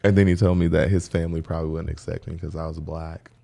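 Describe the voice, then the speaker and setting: Low gravelly-voiced man telling stories. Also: quick pace, loud music behind the voice. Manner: animated storytelling, acting out quotes, laughing often. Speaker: hairstylist and podcast co-host. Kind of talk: casual chat.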